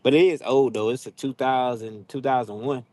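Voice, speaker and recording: A man's voice: mid-range voice, steady tone, normal speed, a little mellow, no echo. A man in his fifties chatting casually on a livestream, rambling and laid-back with many fillers. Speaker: livestream host.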